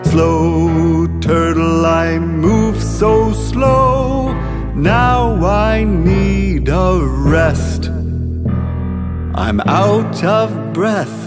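A woman singing as a slow, tired but content turtle in a children's song, sighing between lines. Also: on the low side. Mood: weary. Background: loud guitar music.

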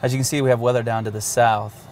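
A man's voice: mid-range voice, flat delivery, quick pace, darkish tone, slight background noise. A man casually demonstrating a cockpit navigation system step by step, with occasional fillers. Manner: walks through steps plainly, with fillers. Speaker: avionics demonstrator.

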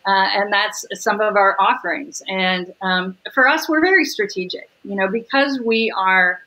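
A middle-aged woman talking upbeat and fast on a video call, laughing easily as she explains her business. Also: medium pitch, pushed and bright, rough recording. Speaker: catering sales executive, guest. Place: home room with windows.

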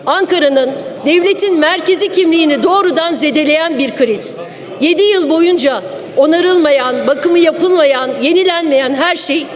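A woman gives an emphatic, reproachful political speech at a pulpit microphone as a member of parliament. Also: sits high. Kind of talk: formal political speech from a podium. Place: large indoor chamber. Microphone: podium microphone. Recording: reverberant hall sound.

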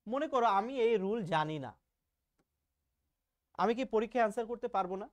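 A man's voice: sits high, lively intonation, brisk. Chatty grammar teacher, man. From Bangladesh. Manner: chatty and teasing, asks rhetorical questions, stretches out example words. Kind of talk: casual online grammar lesson.

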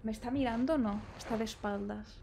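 This young woman is a gaming streamer doing let's play commentary, nervously exclaiming and talking to the on-screen characters as she plays. Her voice sits on the high side, brisk with vocal fry, over a noisy background.

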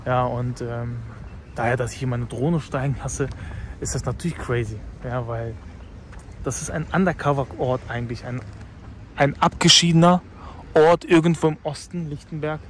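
A man's voice: medium pitch, steady tone, normal speed. A man vlogging outdoors by a market hall, talking in a hyped, slangy way and repeating himself. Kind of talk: casual vlog commentary. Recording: street noise outdoors.

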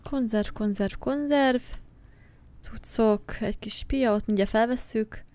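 A woman's voice: fairly high pitch, a little mellow, no echo. A woman giving jumpy, casual commentary while playing a horror game, talking to objects on screen and swearing now and then. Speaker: gaming channel host.

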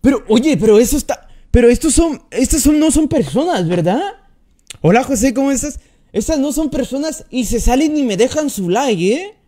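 A man's voice: very high voice, expressive, moderate pace, mellow. A man commenting on his mobile gameplay during a live stream, chatting and greeting each viewer by name as he plays. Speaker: gaming streamer.

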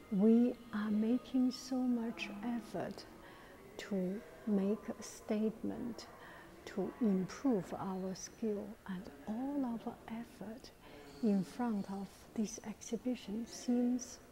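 With a phone camera at arm's length and an earphone mic, a woman narrates her visit to an indoor art museum gallery. Her casual remarks are slow, hushed, critical, and hesitant, with whispering at times. Her voice is a little high, and the recording quality is low.

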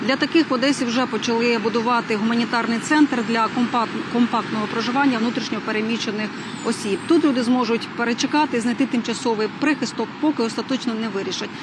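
A woman reports live from a city street in a brisk, fluent news delivery. She talks quickly, and traffic and street noise sit clearly behind her voice. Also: fairly high pitch. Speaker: field reporter.

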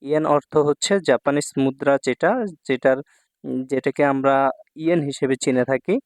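A man's voice: mid-range voice, fairly even intonation, brisk, a little mellow, no echo. A man from Bangladesh teaching Japanese kanji in a lesson, repeating words and checking in with his students often. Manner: repeats words and asks "ঠিক আছে?" often.

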